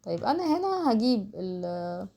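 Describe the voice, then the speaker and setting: This woman's medium-pitched voice is gravelly and dark, swinging widely in pitch at a moderate pace. An online tutorial instructor with an Egyptian Arabic accent, she gives a relaxed step-by-step screen walkthrough, narrating her actions and mixing English terms into her speech.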